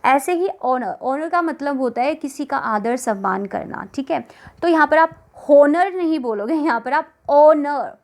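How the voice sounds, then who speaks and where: A woman's voice: high voice, expressive, normal speed, darkish tone. A woman with a Haryanvi accent teaching an exam-prep grammar lesson, explaining patiently, repeating words and asking the class questions.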